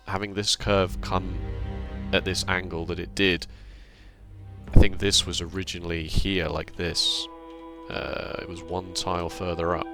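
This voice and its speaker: A man hosting his gaming channel, explaining his setup step by step in casual commentary with dry, self-deprecating humour. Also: sits low. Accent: British. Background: faint background music.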